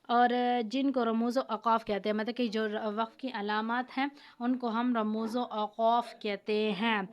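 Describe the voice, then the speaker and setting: Fairly high, flat-toned woman teacher. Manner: patient, repeats points to explain them. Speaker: Quran teacher. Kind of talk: explanatory lesson.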